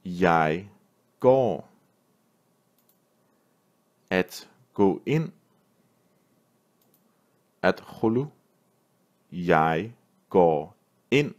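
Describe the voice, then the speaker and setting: A man, a language teacher, reading a vocabulary list word by word with pauses and repeating each phrase. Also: low voice, lively intonation. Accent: Danish. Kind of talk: slow vocabulary drill reading.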